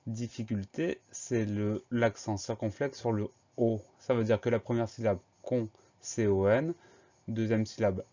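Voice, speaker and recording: A spelling teacher gives a dictation lesson, patiently spelling each word letter by letter. His mid-range voice is warm, captured in a dull lo-fi recording.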